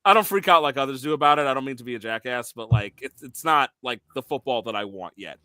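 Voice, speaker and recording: A man co-hosting a sports podcast, chatting casually as an excitable storyteller who makes quick asides. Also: mid-range voice, clean tone, no room sound, studio quality. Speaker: podcast co-host.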